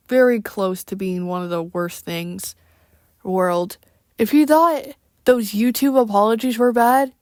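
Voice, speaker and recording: A woman in a casual, unscripted rant to viewers, speaking in a weary, exasperated and halting way. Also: fairly high pitch, no echo, studio quality. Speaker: online creator addressing viewers.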